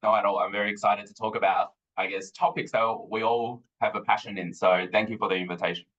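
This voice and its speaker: On a muffled recording, a man with a fairly low, steady, slightly bright voice speaks as a guest educator in a podcast interview. He is in his thirties and from Taiwan, and his manner is thoughtful and measured, with frequent ums.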